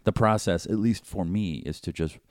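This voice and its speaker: A man's voice: deep voice, normal speed, dry recording, studio quality. A man co-hosting a casual talk, joking and rambling with crude language. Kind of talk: casual chat.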